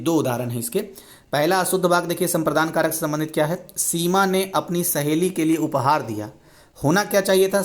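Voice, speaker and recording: A man teaching Hindi grammar for an exam, reading wrong sentences and explaining the correct forms, often repeating himself and correcting his own slips. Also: fairly high pitch.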